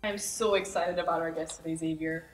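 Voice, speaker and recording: A young woman co-hosting a talk show, enthusiastic and lively, recorded in an echoey room away from the mic. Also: low voice, brisk. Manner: bright, enthusiastic. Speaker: co-host. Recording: echoey room, voice from far off, faint music.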